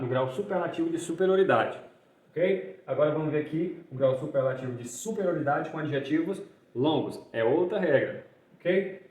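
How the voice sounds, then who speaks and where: A man teaching English grammar, ending phrases with a questioning "tá?" and slowing down to spell out and repeat examples. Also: on the high side, a little mellow. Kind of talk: explaining grammar in Portuguese. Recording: roomy echo.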